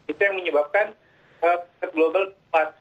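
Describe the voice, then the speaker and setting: A man's voice: on the high side, steady tone, normal speed. A man speaking as a market analyst over a video call whose audio keeps breaking up, talking hesitantly with many filler sounds. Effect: choppy video call audio that keeps breaking up. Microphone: remote video call. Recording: tinny, phone-like video call line.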